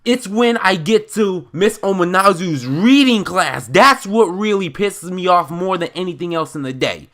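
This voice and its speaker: A young man from Chicago with an American accent delivers an animated storytime rant. His voice sits a little high for a man. He rambles in casual slang and leans on his words with indignant emphasis. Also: normal speed, hardly any pauses. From Chicago, United States.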